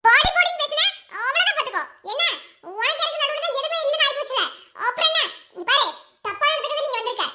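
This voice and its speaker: A woman voicing a sharp-tongued young woman in a cartoon, with a Madurai Tamil accent and a mocking, accusing way of talking. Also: very high voice, animated, heavily acted. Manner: mocking, accusing, quick retorts. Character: sharp-tongued young woman, the sister-in-law who stirs trouble.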